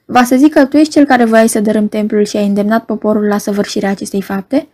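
A woman reading the lines of a stern, ailing Roman procurator, speaking quietly in a flat monotone without raising her voice. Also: medium pitch, close to an everyday voice. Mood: cold. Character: cold ailing Roman procurator, stern middle-aged man.

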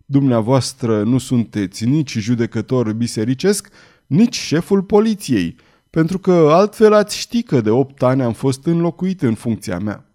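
A man voicing a grieving former executioner who speaks in a sorrowful, sighing, low way, in an audiobook reading. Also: lively intonation, dark tone, natural voice. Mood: wary. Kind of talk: audiobook character voice.

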